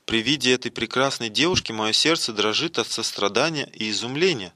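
A man reading the part of a wise, elderly female ascetic in a devotional play, speaking gently and solemnly. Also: medium pitch, a little fast, dry recording, clean studio sound, close to an everyday voice.

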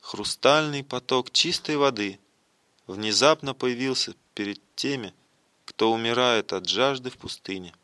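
A man reading the part of a wise, elderly female ascetic in a devotional play, speaking gently and solemnly. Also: medium pitch, unhurried, clean tone, no room sound.

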